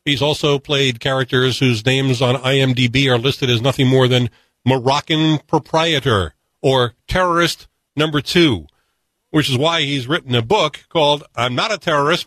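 A male radio talk show host interviewing a guest and asking long, measured set-up questions. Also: medium pitch, a bit bright, no echo, low-quality recording.

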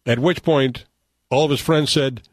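An American man hosting a radio show, telling stories and running a game in an animated, conversational way. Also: medium pitch, a little slow, dry recording, clean studio sound. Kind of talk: broadcast talk, storytelling and game hosting. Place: radio studio. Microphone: close studio mic.

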